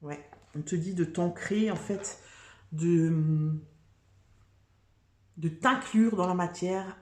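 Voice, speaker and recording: A woman's voice: fairly low pitch, slow, darkish tone, echoey room. A woman giving a casual, chatty tarot reading, full of fillers, restarts and "tu vois". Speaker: tarot reader.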